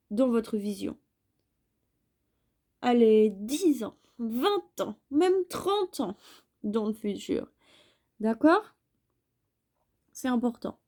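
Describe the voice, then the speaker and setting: Slow, mellow-voiced woman tarot reader. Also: sits high. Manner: chatty, repeats phrases, playful asides. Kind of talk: casual tarot reading monologue.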